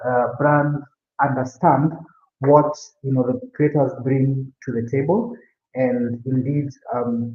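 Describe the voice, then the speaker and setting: A man moderating a panel discussion in measured, hesitant phrases. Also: mid-range voice. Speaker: panel moderator, agency professional. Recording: echoey room, dull sound, faint noise.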